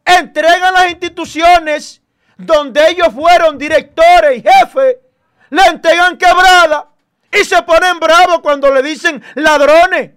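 Male host, very high pitch, insistent debater. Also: fairly even intonation, fairly bright tone. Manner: insistent, repeats quick denials. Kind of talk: heated panel debate.

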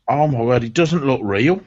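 A man's voice: mid-range voice, expressive, unhurried, darkish tone, no echo. A man co-hosting a casual podcast, chatty and enthusiastic, calling people mate. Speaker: podcast co-host. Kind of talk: casual chat. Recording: dull lo-fi sound.

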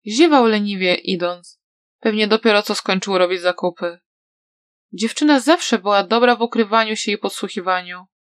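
A woman narrates a novel in a steady, even reading voice at a middle pitch. The sound is close-miked and dry. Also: normal speed, no echo.

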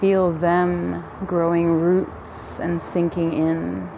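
Slow, low-pitched woman guiding meditation. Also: vocal fry, noisy background. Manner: calm, soothing, gentle delivery with long pauses. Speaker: yoga nidra guide. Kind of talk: guided relaxation meditation.

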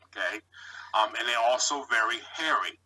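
Bright-voiced man beekeeper explaining. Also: mid-range voice, normal speed, poor audio. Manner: explains in short steps, punctuated by "okay". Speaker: beekeeper, podcast guest. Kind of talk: casual explaining.

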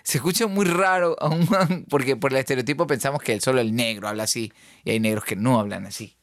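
A man's voice: mid-range voice, fast talker, dry recording, studio quality. A man, co-hosting a podcast in loose, joking talk that swears freely and often breaks off to restart. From Ecuador. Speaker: podcast co-host. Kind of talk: casual podcast chat.

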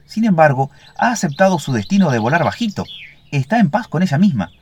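A man's voice: on the high side, sing-song, brisk, highs cut off, a little hiss or hum, voice pushed up. A man doing a young earnest ovenbird. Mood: reflective. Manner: earnest, timid, thoughtful.

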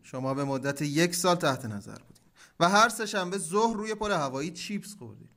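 A man's voice: fairly high pitch, lively intonation, pushed and bright. A man playing a bossy stern interrogator. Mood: accusing. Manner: bossy and commanding, snapping orders. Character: stern, pompous male interrogator. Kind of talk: comedy sketch acting.

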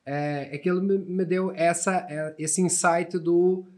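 A Portuguese man in his thirties speaks in a high, steady, slightly mellow voice at a measured pace, with a European Portuguese accent. He's a podcast guest telling stories casually, often restarting sentences and tacking on tag questions.

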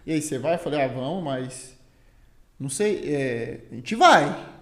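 A Brazilian man who fights and teaches Muay Thai is a guest telling a story in casual, slangy chat, sprinkling in filler words. He has a Brazilian Portuguese accent and a slightly mellow, mid-range voice at normal speed, recorded in a roomy, echoey space.

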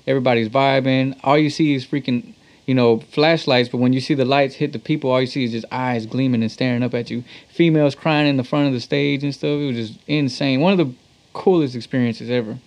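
In a relaxed interview, a talk box artist from Texas, United States, spins anecdotes in loose street slang. He has a mid-range, steady, slightly mellow voice and talks a little fast.

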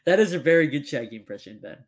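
A man's voice: a little high, very animated, very fast. A young man hosting a casual chat, rambling with lots of fillers. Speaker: podcast host.

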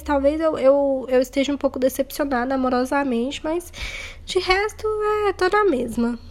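Young Brazilian woman, high voice, confessional podcast host, candid and rambling, self-mocking. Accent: Brazilian Portuguese. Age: young adult. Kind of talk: casual confessional monologue.

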